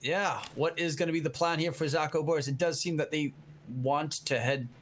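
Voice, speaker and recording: A man giving excitable live play-by-play esports commentary on a shooter match, building in intensity at key moments. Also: fairly high pitch, a little fast. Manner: excitable, rising to shouts at key plays. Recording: clear background noise, clicks.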